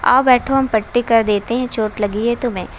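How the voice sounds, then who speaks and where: A woman's voice: fairly high pitch, fairly even intonation, normal speed, slight background noise, lightly acted. A woman reading a story aloud, voicing an anxious, caring young woman who speaks earnestly and stammers.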